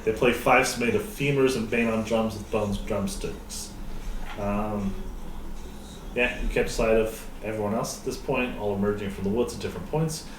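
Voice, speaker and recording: A man working as game master, improvising horror narration in an informal, halting way. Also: on the low side, fairly even intonation. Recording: roomy, distant mic, faint noise.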